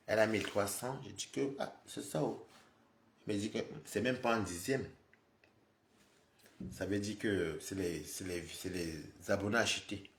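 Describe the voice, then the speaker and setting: A man live streaming, scolding and lecturing his viewers in an animated, repetitive rant. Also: fairly low pitch, reverberant. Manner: scolding, animated, repeats himself, talks straight to viewers.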